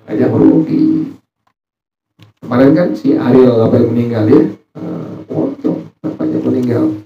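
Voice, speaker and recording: A man's voice: mid-range voice, moderate pace, creaky. A man teaching a religious study group in a casual, joking way, often putting questions to his listeners and answering them himself. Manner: jokey, asks the audience questions and answers himself. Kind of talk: informal religious study sermon. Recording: roomy, distant, muffled, faint music.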